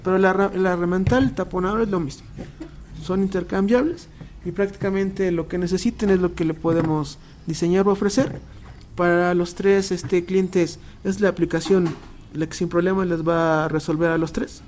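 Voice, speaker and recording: A man's voice: on the high side, a little mellow. A man demonstrating a machine to clients, explaining step by step with frequent hesitant fillers and restarts.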